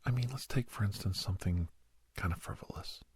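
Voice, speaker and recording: Whispering much of the time, a man with a low voice portrays an earnest, calm doctor giving counsel to a young werewolf in an ASMR role-play. His breathy, hushed speech moves slowly and reassuringly, and there's no room sound in the recording.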